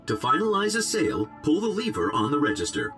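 A man's voice: a little high, wildly swooping pitch, a little fast, music in the background. A man voicing a cheerful male robot job instructor in a video game, with a robotic voice, giving instructions in an upbeat, instructive way. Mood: chipper. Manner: cheerful, instructive, calls player "human".

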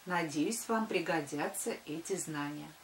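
A woman's voice: low voice, a little slow, a little hiss or hum. A woman, a primary school teacher giving a scripted address to pupils. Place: small wood-panelled room indoors. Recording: echoey room.

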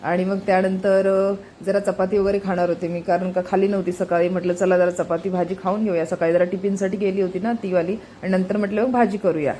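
A woman's voice: mid-range voice, little pitch movement, fairly quick, hardly any pauses, dark tone, slight background noise, low-quality recording. A woman chatting through a casual home cooking vlog, recorded on a handheld phone in her kitchen and often urging viewers to look. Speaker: vlogger.

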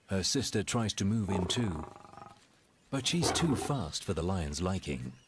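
Low-pitched, expressive male documentary narrator. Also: noisy background. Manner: measured, dramatic storytelling with pauses. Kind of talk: scripted wildlife documentary narration.

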